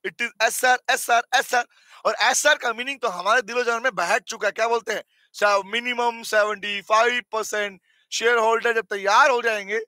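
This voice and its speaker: A hoarse man teaching a live online accounting class, who quizzes and teases his students in an animated way. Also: very high-pitched, no room sound.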